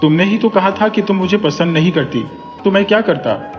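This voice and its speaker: A man's voice: sits high, animated, a little fast, pitched above the performer's own voice. A man voicing an affectionate, playful young male professor in a storybook reading, coaxing and teasing. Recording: dull reverberant recording, soft music.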